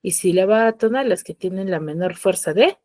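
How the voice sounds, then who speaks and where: A woman's voice: medium pitch, lively intonation, brisk, a little mellow, no room sound, poor audio. Woman teacher, online class, patient explaining, dry close sound. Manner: explains patiently, repeats key terms, checks with "¿ya?". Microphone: computer mic on a video call.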